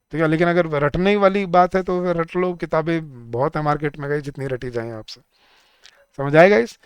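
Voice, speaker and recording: Lively man teaching grammar. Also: on the high side, clear, resonant tone, dry recording, clean studio sound. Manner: lively, asks the class many questions; reads English example sentences slowly. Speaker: English teacher for bank exams. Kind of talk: live online grammar class.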